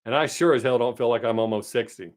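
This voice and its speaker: A fast-talking man with a mid-range voice, in his late fifties, hosts a casual livestream and chats cheerfully with viewers, calling them by name as he answers.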